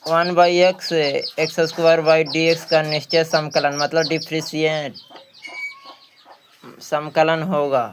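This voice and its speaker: A man with a Bihari accent leads a maths exam practice session, working through questions, asking things he answers himself and repeating phrases. His fairly high voice stays level as he goes slowly, with long pauses, over a noisy background.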